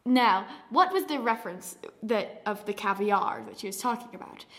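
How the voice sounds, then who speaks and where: Giggly high-voiced woman hosting a quiz. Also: lively intonation, normal speed, a bit bright. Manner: giggly, sing-song game-show jingles. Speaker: podcast host asking the questions. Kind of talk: playful mock interview and quiz.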